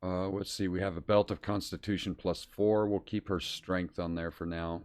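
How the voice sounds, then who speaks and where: Male game streamer with a lower-register voice, muttering casually through live play commentary and on-screen text. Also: level tone, moderate pace, darkish tone, clean tone. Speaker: streamer playing a role-playing game.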